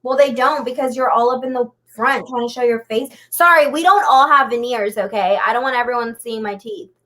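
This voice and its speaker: High-voiced chatty woman co-host. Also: brisk, fairly bright tone. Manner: chatty, full of "like" fillers. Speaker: podcast co-host. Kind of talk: casual chat.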